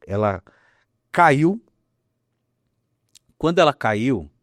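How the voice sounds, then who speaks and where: A man, a pastor telling a healing story in an animated, emphatic way. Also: fairly low pitch, no room sound, studio quality. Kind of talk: testimony in a conversation.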